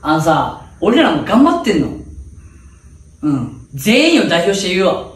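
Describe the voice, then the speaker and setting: A man's voice: high-pitched, huge pitch swings, measured pace, full character voice. A man acting a cheeky first-year student athlete who talks back with cocky mockery in a comedy sketch. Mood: mocking. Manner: cocky, mocking, drifting into Kansai-style speech. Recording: echoey room, mic from a distance.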